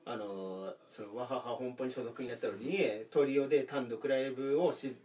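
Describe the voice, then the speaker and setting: This comedian co-host, a man in his thirties from Aomori, Japan, rambles through stories in a casual podcast chat and laughs often. His medium-pitched, slightly mellow voice moves at a moderate pace and carries a faint Aomori intonation with traces of Nagoya. He was recorded from a distance.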